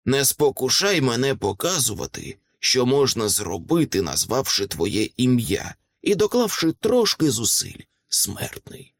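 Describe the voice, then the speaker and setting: Guy doing a smug dragon in a small human body, slow and contemptuous, swoops around a lot, audiobook. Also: mid-range voice, sing-song. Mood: haughty. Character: smug disdainful dragon in a small man's guise. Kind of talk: audiobook character reading.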